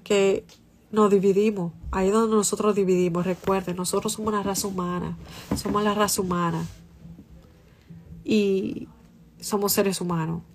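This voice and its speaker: A woman talks straight to her livestream audience in a loose, casual chat. She speaks with real passion and stresses her points hard. Her voice sits at an ordinary middle pitch for a woman. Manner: passionate, emphatic, addresses viewers directly. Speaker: livestream host answering viewer comments.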